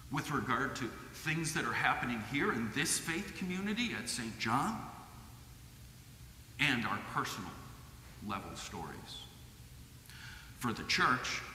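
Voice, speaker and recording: A middle-aged man with a Midwestern American accent preaching a sermon from a lectern, in a measured, earnest way. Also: medium pitch, sharp tone, a little hiss or hum. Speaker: lay preacher. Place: church sanctuary with stained glass. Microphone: lectern microphone. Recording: echoey church hall.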